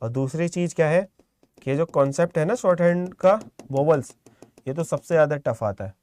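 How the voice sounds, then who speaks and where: Calm encouraging male shorthand teacher. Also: fairly high pitch, fairly quick. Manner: calm, encouraging, quizzes students by name. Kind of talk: live online class.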